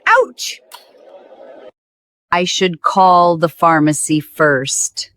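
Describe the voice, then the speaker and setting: Very slow woman reading example sentences. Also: mid-range voice, lively intonation, dry recording, clean studio sound.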